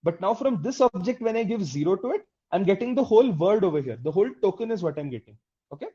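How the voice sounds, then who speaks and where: A teacher with a mellow, relaxed voice leads a live online coding class and walks through each step patiently. They keep checking that the class is following and put questions to the students. The audio sounds dull and lo-fi. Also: mid-range voice, fast talker. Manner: explains step by step, often checking in with "okay?" and "right?"; addresses the class directly with questions. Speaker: instructor.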